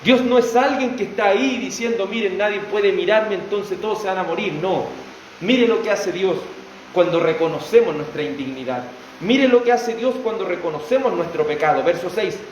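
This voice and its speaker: A man's voice: sits high, moderate pace, slight background noise. A man preaching a sermon in an earnest, emphatic way, stretching key words. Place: church hall. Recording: echoey room, voice from far off.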